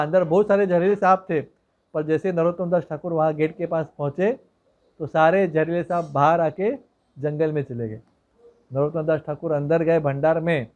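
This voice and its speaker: High-voiced man telling a devotional story. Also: darkish tone. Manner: conversational, digressive, with many hmm fillers. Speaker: preacher.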